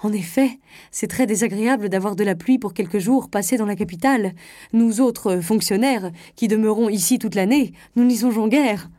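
A woman reading a story aloud, voicing a pompous, self-important male state official who talks loudly and eagerly. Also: mid-range voice, moderate pace, dry recording, studio quality, lightly acted. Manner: boastful, bossy, loud and eager.

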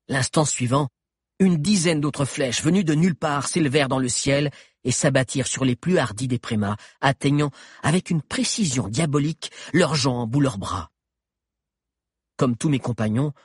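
A man narrating a story in the first person, steady and dramatic. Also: medium pitch, breathy edge, no echo, studio quality. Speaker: audiobook narrator.

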